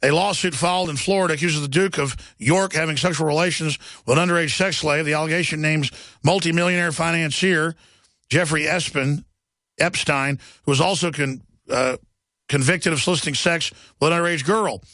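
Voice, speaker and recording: A man's voice: brisk, sharp tone, no room sound. A man hosting a talk radio show, ranting in a heated monologue and turning sarcastic, his voice jumping up when he mocks. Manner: ranting, sarcastic, voice jumps high when mocking.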